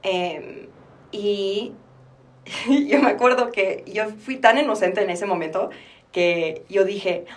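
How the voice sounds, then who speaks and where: A woman's voice: medium pitch, takes it slowly, recorded from a distance. Candid young Mexican woman, reflective. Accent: Mexican Spanish. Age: 20s. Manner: open, reflective, slips in English phrases. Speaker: podcast guest. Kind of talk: candid personal interview.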